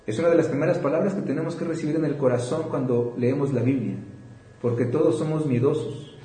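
A man teaching a Bible class, reading scripture passages slowly and asking his students questions. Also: fairly high pitch, warm tone, roomy sound, rough recording.

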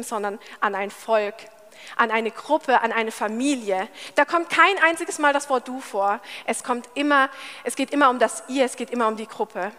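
Young woman preaching casually, high voice, laughs a lot, long echoey hall. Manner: chatty, lively, laughs often. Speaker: church speaker. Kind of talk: casual sermon.

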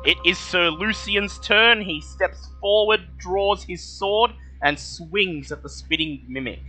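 A man runs a tabletop game as game master, with a very bright, sharp voice on the high side. He narrates action dramatically and repeats rulings clearly, with music underneath. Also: takes it slowly. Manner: dramatic descriptions, echoes players' numbers back.

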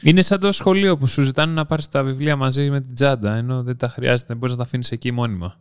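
A Greek man in a casual podcast chat, chiming in with short, quick remarks. His voice is smooth and resonant, recorded close and dry with no room sound. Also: medium pitch, fairly even intonation, no echo. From Greece. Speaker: podcast co-host.

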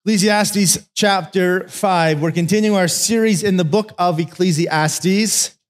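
A man's voice: high-pitched, measured pace. A man preaching a sermon as pastor, talking in a conversational, storytelling way with joking asides.

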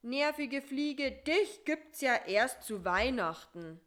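A woman voicing a greedy, sulky male spider in a read-aloud children's story, speaking in a whiny, grumbling, drawn-out way. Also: high-pitched, expressive, fairly bright tone, pitched above the performer's own voice, heavily acted. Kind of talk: storybook reading.

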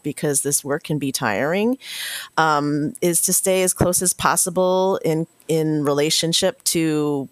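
A woman's voice: fairly low pitch, dry recording. A woman guest on a podcast, answering reflectively with many fillers and restarts. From Washington State, US.

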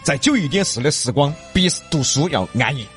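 A man's voice: fairly high pitch, expressive, brisk, fairly bright tone. A man in his thirties or forties with a Sichuan accent, joking and chatting colloquially in Sichuan dialect as a radio host. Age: 30s to 40s. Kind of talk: casual bantering radio chat in Sichuan dialect. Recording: music clearly behind the voice. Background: background music.

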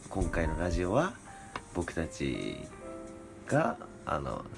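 A man's voice: sits low, wildly swooping pitch, vocal fry. A young man co-hosting a casual late-night podcast chat, polite and easygoing. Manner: easygoing, polite, fast talker. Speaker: radio show co-host, theater actor. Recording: music playing behind the talk.

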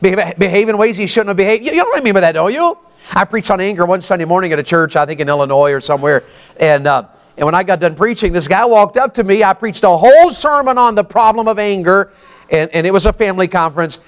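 A man's voice: high voice, expressive, quick pace. A man, preaching a folksy sermon and often asking the congregation questions. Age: 50s.

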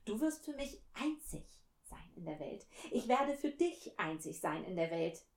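A woman voicing a wise, gentle male fox who longs for a friend, reading slowly and wistfully in a storybook. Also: medium pitch, sing-song. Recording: roomy echo.

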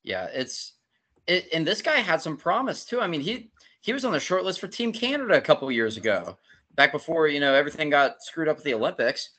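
A man co-hosting a casual hockey podcast, animated and profane as he reads through statistics. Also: on the high side, brisk. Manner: animated, swears, rattles off statistics. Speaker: podcast co-host. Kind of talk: casual sports talk.

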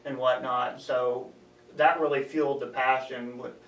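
A man's voice: mid-range voice, little pitch movement, a bit bright. Earnest young guy answering interview questions, roomy echo, a bit far from the mic, faint hum behind. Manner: earnest, halting, talks in short stretches. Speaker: running coach, guest.

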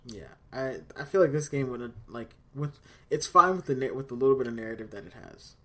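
A man's voice: medium pitch, animated, bright, forceful tone. A man chatting on a podcast call while his audio stutters and drops out, his words breaking off and restarting. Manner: halting restarts as the connection drops. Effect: choppy, cutting-out call audio with stuttering dropouts. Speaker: podcast co-host. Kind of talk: casual chat.

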